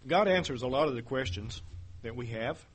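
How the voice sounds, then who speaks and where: A man giving a Bible teaching sermon in a measured way, reading verses aloud and asking rhetorical questions. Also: medium pitch, animated, husky. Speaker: preacher.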